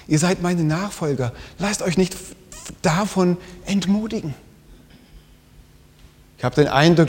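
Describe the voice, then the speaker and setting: A man preaching a sermon, swinging from loud emphatic lines down to hushed whispers. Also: on the high side. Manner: dynamic, drops to whispers for emphasis. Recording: long hall reverb.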